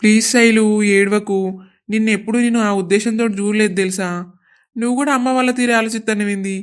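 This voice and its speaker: A woman voicing a mild young husband who placates everyone in a flat, tired way. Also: mid-range voice, quick pace, clean tone, close to an everyday voice. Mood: weary. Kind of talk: cartoon voice acting.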